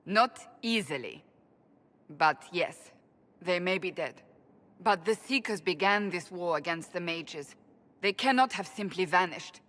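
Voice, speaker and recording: A stern, resolute warrior. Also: female voice, lowish voice, lively intonation, unhurried, fairly bright tone. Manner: firm, formal, resolute. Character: stern woman warrior, devout and proud. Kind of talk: video game voice acting.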